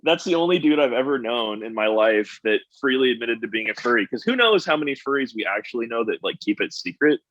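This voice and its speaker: A man's voice: mid-range voice, lively intonation, fast, few pauses, a bit bright, no room sound, dull audio. A man from the United States chatting casually with a friend on a call, rambling with lots of "like" and "you know". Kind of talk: casual chat.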